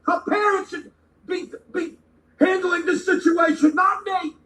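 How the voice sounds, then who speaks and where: Brief: man, high bright voice, heated comic rant, stammers and swears, recorded off-mic in a roomy space. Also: steady tone, measured pace, far from the mic. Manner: shouting, stammering repeats, swearing. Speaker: ranting guest segment speaker. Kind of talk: angry comedic rant. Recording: echoey room, away from the mic.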